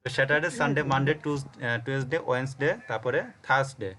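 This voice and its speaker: A man's voice: mid-range voice, fairly even intonation, fast, fairly bright tone, slight background noise. A man from Bangladesh teaching a programming class on a call, explaining step by step and often checking that students follow. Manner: explains step by step, spells words letter by letter, checks understanding often. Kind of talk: live coding lesson on a call.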